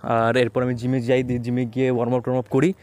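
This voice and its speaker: A man's voice: medium pitch, completely flat delivery, fast. A young man, vlogging casually and enthusiastically while out on the streets, often slipping into English phrases. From West Bengal, India. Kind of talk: casual walking vlog. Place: outdoors on streets, partly at night. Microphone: handheld phone camera. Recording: loud outdoor street and wind noise.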